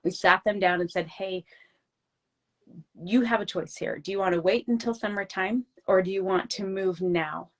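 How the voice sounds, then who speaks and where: A woman's voice: mid-range voice, normal speed. A woman in her forties, a guest in an interview, talking in an earnest, heartfelt way. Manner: earnest, heartfelt, talks about faith. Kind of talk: casual interview chat.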